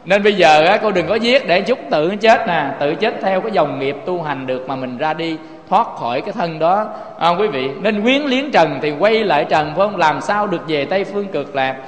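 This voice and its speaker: A man's voice: high-pitched, expressive, normal speed, few pauses, reverberant, in a large hall. A man with a Southern Vietnamese accent preaching a Buddhist sermon, asking rhetorical questions and turning to his listeners again and again. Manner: rhetorical questions, often addresses listeners directly.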